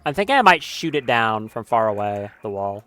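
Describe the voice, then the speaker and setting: A man's voice: on the low side, very animated, normal speed, bright, forceful tone, no room sound. Man streaming gameplay, casual swearing commentary. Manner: casual, swears often, nervous running commentary.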